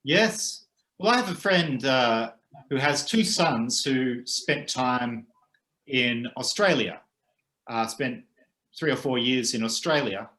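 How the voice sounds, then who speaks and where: A man co-hosting a casual chat, speaking thoughtfully with frequent hesitant pauses. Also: mid-range voice, expressive, bright, forceful tone. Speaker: co-host. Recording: roomy echo.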